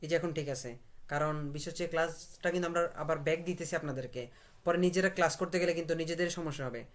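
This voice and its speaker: A man teaching a live online language class over a video call, repeating words slowly and breaking them into syllables. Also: fairly high pitch, steady tone.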